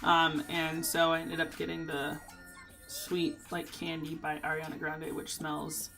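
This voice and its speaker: A woman's voice: sits low, completely flat delivery, measured pace, a bit bright, faint music behind, rough recording. A woman casually talking through a perfume review with some fillers.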